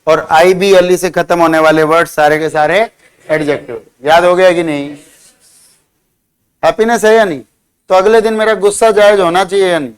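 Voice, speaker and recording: A man's voice: high-pitched, normal speed, clear, resonant tone. A man teaching a vocabulary lesson in a classroom, spelling words out letter by letter, quizzing and teasing his students. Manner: teasing, scolding banter with students. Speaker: English teacher.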